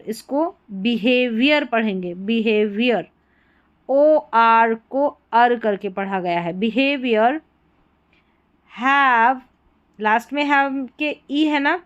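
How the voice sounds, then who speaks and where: A woman English teacher with a Hindi accent, sounding out a story word by word, spelling letters and repeating each word slowly. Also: on the high side, smooth, dull audio. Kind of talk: slow word-by-word reading lesson.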